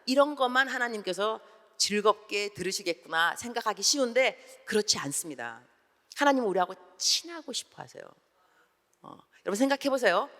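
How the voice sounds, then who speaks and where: 재미교포 여성 선교사가 큰 예배당에서 설교한다. 억양이 크게 오르내리며 활기차게 이야기를 이어가고, 인물들의 대사를 직접 연기해 들려준다. 소리가 넓은 공간에 길게 울린다. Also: female voice, medium pitch. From United States. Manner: animated storytelling, acts out dialogue. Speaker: missionary preacher. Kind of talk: sermon. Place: large church sanctuary. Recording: long church hall reverb.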